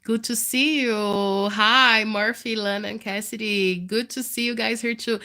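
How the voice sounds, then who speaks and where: A woman's voice: a little high, steady tone, unhurried, pushed and bright. A woman in her thirties with a nasal, congested voice, chatting candidly to viewers in a live video update. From Canada. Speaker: vlogger.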